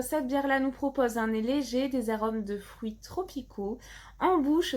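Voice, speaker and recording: A woman reviewing a beer box on her channel, chatting casually with many fillers while reading out the labels. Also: high voice. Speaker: box unboxing vlogger.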